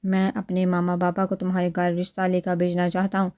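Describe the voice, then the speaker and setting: Hesitant young suitor as a woman reads him, earnest, slow careful words, mellow voice, storybook reading. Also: lowish voice, completely flat delivery, clear, resonant tone, lightly acted.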